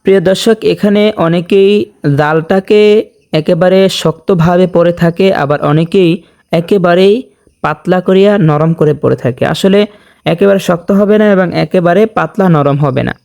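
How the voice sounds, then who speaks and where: High, smooth-voiced teacher. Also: male voice, darkish tone. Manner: explains rules step by step, then chants verses very slowly; checks in with "okay?". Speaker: Quran recitation teacher. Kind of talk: tajweed lesson with slow recitation.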